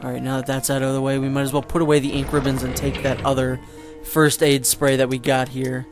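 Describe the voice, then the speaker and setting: A man's voice: mid-range voice, flat delivery, a little fast, music in the background. A man giving casual gameplay commentary, rambling with joking asides and fillers. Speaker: let's play commentator.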